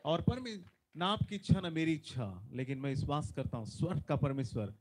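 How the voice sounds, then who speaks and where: This guest preacher, a man in his forties, has a fairly high, expressive voice and talks a little fast. Using a handheld microphone on a big conference stage, he delivers a fervent sermon with prayer, punctuated by loud bursts and repeated hallelujahs.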